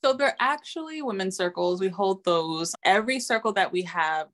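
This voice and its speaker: A woman's voice: mid-range voice, lively intonation, moderate pace, a bit bright. Woman, podcast guest, casual chat, supportive, playfully insistent.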